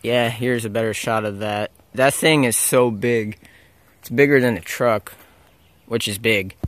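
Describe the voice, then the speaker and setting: Young guy walking thru the woods talking into his camera, kinda rambly, mid pitch. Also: unhurried, no echo. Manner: rambling, unsure, self-correcting. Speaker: explorer filming abandoned sites. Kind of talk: casual walking vlog narration. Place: outdoors in a forest. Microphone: handheld camera mic.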